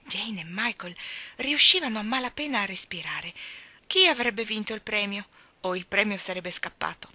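A woman reads a children's storybook aloud in an animated storyteller's manner, with lively, wide-ranging pitch and a bright, sharp tone. The voice is dry and close. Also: normal speed, no room sound. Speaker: reader of a children's book. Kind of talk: expressive audiobook reading.

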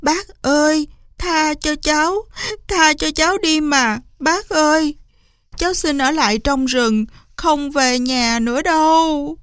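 A woman voicing a frightened little princess begging softly through tears. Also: high voice, takes it slowly, dry recording, clean studio sound, voice pushed up. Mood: pleading. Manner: tearful begging, soft.

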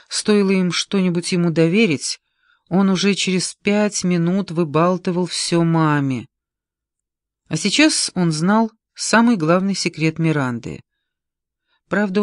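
Audiobook narrator, slow measured reading, mid-pitched voice, dry close sound. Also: no echo. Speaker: audiobook reader.

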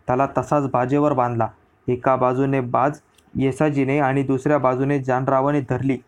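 A man narrating a historical story as an audiobook reading, in a steady storyteller delivery. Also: medium pitch, normal speed.

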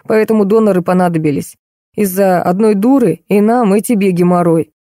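Woman doing a gruff middle-aged nurse, blunt and contemptuous, mellow low-key tone, dry close sound, audiobook. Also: fairly quick, dry recording, lightly acted. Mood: scornful.

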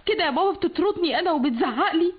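An actress playing a sarcastic, defiant Egyptian daughter in a radio drama. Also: female voice, very high voice, animated, rapid-fire. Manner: sarcastic, confrontational. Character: proud defiant grown daughter. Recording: dull lo-fi radio recording.

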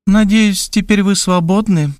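A male reader voicing a brisk, stern woman who acts as an amateur detective, speaking in curt, commanding phrases. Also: high-pitched, no room sound, clean studio sound, big-room sound, pitched above the performer's own voice.

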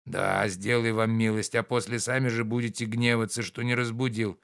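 A man's voice: on the low side, little pitch movement, normal speed, creaky, a bit bright, smooth, dry recording, studio quality. A man voicing a stubborn old male servant who nags and mutters. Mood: nagging. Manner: coaxing, nagging, muttering.

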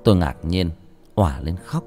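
A man reading a horror story aloud as an audiobook narrator, slow and grave. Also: sits low, lively intonation, warm tone. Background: faint music.

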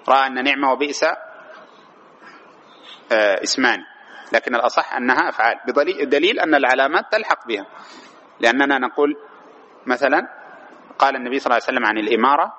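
Fast grammar teacher, man, quizzing his class; muffled lo-fi classroom recording with faint noise. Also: medium pitch, pushed and bright. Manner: quizzes students with rhetorical questions.

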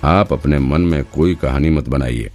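A man's voice: rumbling low, measured pace, a little mellow, faint music behind. A man voicing a protective young wife and mother who speaks in a stern, commanding way in an audiobook. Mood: stern, angry.

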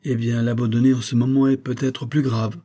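A man's voice: medium pitch, flat delivery, a little fast, dark tone, voice pushed up, natural voice. A man voicing an earnest older uncle in an audiobook, insistent and pleading.

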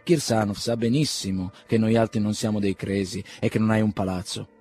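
A man's voice: lowish voice, steady tone, brisk, darkish tone, slight background noise, natural voice. A man doing a blunt, impatient young man. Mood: brusque. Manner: curt, dismissive.

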